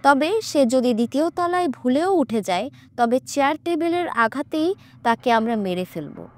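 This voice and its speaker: A woman voicing an angry male jinn possessing a young man in a horror audiobook, shouting threats and later pleading tearfully. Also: sits high, lively intonation, normal speed. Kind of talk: audiobook character voice.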